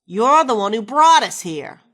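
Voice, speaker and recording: A woman's voice: a little high, very animated, measured pace, fairly bright tone, full character voice. An actress playing a wisecracking, foul-mouthed woman companion in a video game, sarcastic and slangy. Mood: sardonic.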